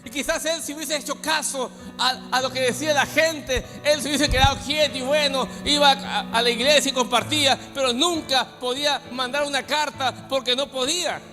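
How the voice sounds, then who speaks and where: A man from Peru preaching a sermon as pastor, with dramatic swings from soft asides to shouting. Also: very high-pitched, fairly even intonation, moderate pace, hardly any pauses. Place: church hall. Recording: long church hall reverb with faint music.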